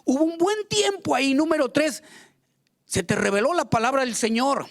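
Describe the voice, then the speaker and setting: A man's voice: very high-pitched, normal speed. A man preaching a fervent sermon as pastor, acting out quoted prayers and complaints.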